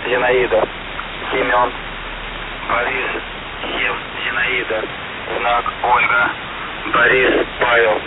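A man reading out a coded message over a radio link, one word at a time in a slow, level, almost monotone voice. The sound is thin and tinny like a transmission, with steady hiss underneath. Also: mid-range voice. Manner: flat, slow, measured dictation. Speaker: radio operator. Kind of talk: spelling out a coded message letter by letter.

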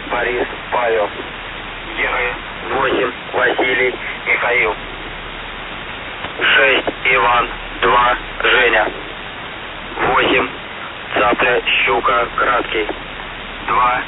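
A man speaking over a radio as a radio operator, slowly and flatly spelling out a coded message letter by letter. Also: medium pitch. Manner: flat, slow, measured dictation. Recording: tinny hissy radio transmission.

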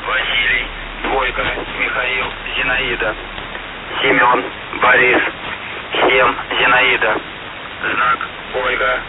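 A man reading out a coded message over a radio link, one word at a time in a slow, level, almost monotone voice. The sound is thin and tinny like a transmission, with steady hiss underneath. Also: mid-range voice. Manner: flat, slow, measured dictation. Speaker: radio operator. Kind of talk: spelling out a coded message letter by letter.

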